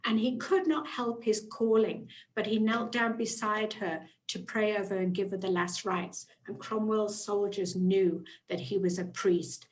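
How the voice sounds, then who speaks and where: A woman's voice: mid-range voice, fairly even intonation, unhurried, hardly any pauses. A middle-aged woman giving an online guided travel presentation in a chatty way, with frequent fillers and restarts. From not from Canada, moved there in the nineties.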